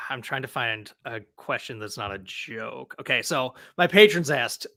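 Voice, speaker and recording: A man's voice: medium pitch, animated, measured pace, bright, forceful tone. A man hosting a casual livestream chat, rambling and sarcastic, talking from his home. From Milwaukee area. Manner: rambling, self-deprecating, sarcastic. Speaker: livestream host. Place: old house, home studio.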